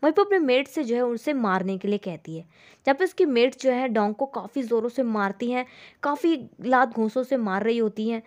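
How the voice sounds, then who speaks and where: A woman with a somewhat high voice tells the story of a drama. She moves through it scene by scene in an even, unhurried flow, like a recap narrator. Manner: steady retelling, leans on the filler "जो है".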